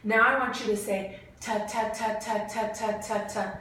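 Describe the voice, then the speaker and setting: A woman's voice: medium pitch, little pitch movement, normal speed, a bit bright. Encouraging lady clinician giving exam instructions, really echoey, far from mic, bit of noise. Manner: encouraging, frequent short praise. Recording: very echoey room, distant mic, faint noise.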